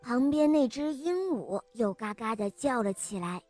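A woman narrating a children's story with a lively, expressive reading. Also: on the high side, moderate pace, soft background music.

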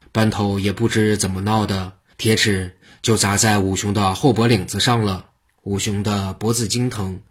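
A man tells a traditional tale in a measured, vivid way. His voice sits low and has a husky grain to it. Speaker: storyteller. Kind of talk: scripted traditional storytelling narration.

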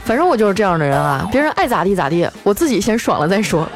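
Lively woman telling comic stories over music. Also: medium pitch, quick pace. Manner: chatty, playful, draws out sentence endings. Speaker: radio-style comedy host. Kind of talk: comic storytelling. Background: faint background music.

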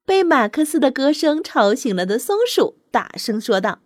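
A woman telling a bedtime story to children in a gentle, soothing, motherly way. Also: sits high, sing-song, moderate pace, dry recording, clean studio sound.

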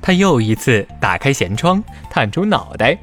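A man narrating a scripted children's story in a dramatic, expressive way. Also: medium pitch, moderate pace, soft background music.

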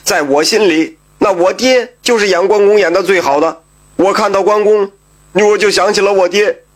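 A man's voice: sits high, moderate pace, natural voice. A man voicing a sly, whining village scoundrel who pleads and argues in a raised voice in a told folk story. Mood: pleading.

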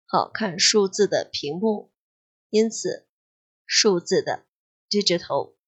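A woman teaching an English exam lesson, explaining slowly and patiently and repeating key words. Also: medium pitch, animated, breathy edge, muffled recording. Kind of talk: exam-prep grammar and vocabulary lesson.

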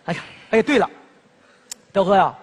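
A man's voice: high voice, lively intonation, normal speed, long reverb tail, noisy background. An actor playing a well-off city man who placates his pushy cousin, exasperated and often laughing, in a Northeast Chinese accent. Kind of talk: comedy sketch dialogue.

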